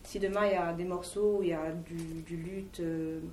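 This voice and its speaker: Woman band member, lowish voice, casual and direct, distant roomy sound. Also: fairly even intonation, normal speed, darkish tone, a little hiss or hum. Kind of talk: interview answers. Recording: roomy, from a distance, faint ambience.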